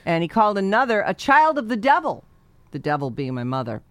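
A woman's voice: medium pitch, big pitch swings, a little fast, no room sound. A woman reading a letter aloud in casual chat, adding sarcastic asides. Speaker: host reading a listener letter.

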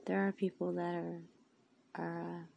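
Tired, gravelly-voiced woman preaching encouragement. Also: lowish voice, little pitch movement, slow, a little mellow, muffled recording, slight background noise. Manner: heartfelt, emphatic, rambling. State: tired, tearful. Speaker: faith vlogger. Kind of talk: inspirational monologue.

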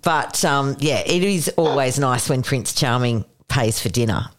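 Lively woman radio host. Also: a bass voice. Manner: teasing, quick, laughs often. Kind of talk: cheeky late-night radio chat.

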